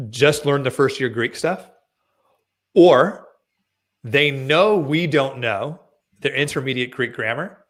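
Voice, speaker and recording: A man's voice: mid-range voice, fairly bright tone. A man co-hosting a casual podcast discussion, emphatic and often restarting his sentences. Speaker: podcast co-host.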